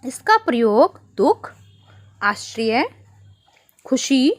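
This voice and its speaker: A woman teaches young children from a worksheet. Her voice sits high and swings widely in pitch. She explains patiently, asking the kids questions and calling them "beta". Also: sing-song, slow. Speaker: primary school teacher. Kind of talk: online worksheet lesson for children.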